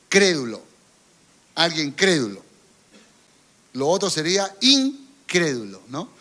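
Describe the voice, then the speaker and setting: Bright high-pitched man preaching. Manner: asks the congregation rhetorical questions; tells personal stories from his ministry. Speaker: pastor. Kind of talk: sermon.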